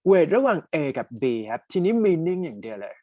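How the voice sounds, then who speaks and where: Young Thai-accented male tutor, lively rising and falling delivery, upper-middle pitch, reads test items slowly. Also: no room sound, lo-fi sound. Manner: reads English sentences slowly, explains quickly in Thai; asks students to type answers in chat. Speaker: English teacher. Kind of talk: online exam-prep lesson.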